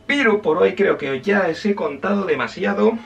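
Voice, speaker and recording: A man's voice: high voice, moderate pace, creaky, far from the mic, highs cut off, slight background noise. A man teaching a casual spoken language lesson, chatty and self-correcting, often checking in with his listeners.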